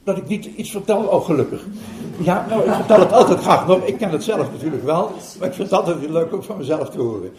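Older guy spinning a meditation tale, high voice, lots of ums, echoey room. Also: fast, a crowd in the background. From Netherlands. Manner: animated, chuckling, hesitant fillers. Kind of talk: storytelling talk to an audience. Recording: roomy hall recording.

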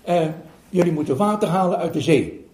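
A man voicing a wise old male Chinese fisherman in a story, calm, firm and instructing. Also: high voice, a little fast. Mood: stern. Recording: roomy hall recording.

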